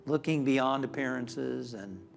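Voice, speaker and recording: A man leading a spiritual guided meditation in a calm, measured manner with long pauses. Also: mid-range voice, vocal fry, slight background noise. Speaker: meditation leader. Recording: music behind the voice. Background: instrumental music.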